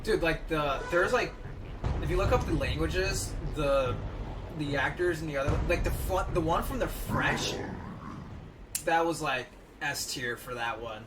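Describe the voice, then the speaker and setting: A man doing casual video game commentary, excitable, often halting and repeating his words. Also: on the high side, background noise. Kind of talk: casual gaming chat. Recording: distant mic under loud game music.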